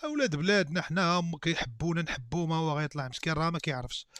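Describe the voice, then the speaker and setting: A man's voice: fairly high pitch, animated, racing, fairly bright tone. A man with a Moroccan accent hosting a live stream, bantering and teasing a caller in casual chat.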